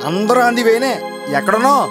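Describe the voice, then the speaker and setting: A man's voice: very high voice, moderate pace. A man playing a flustered young assistant director, snapping on the phone and fawning to his boss. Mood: irritated. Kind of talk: comedy short film acting. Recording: music playing behind.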